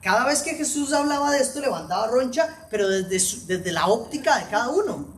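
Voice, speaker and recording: A preacher delivers a sermon in a lively, animated voice, dropping into soft low asides before rising to stressed, emphatic phrases. The voice reaches the mic from a distance, carrying a roomy church-hall echo, and faint background noise sits underneath. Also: fairly quick. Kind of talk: sermon on a Bible passage.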